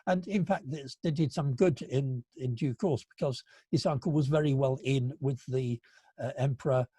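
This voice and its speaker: A man in his seventies giving an illustrated lecture to an astronomy club, halting and full of fillers, with a dry, gentle humour. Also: medium pitch, husky, no echo. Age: 70s. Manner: halting, with frequent fillers and restarts. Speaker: guest speaker at an astronomy club.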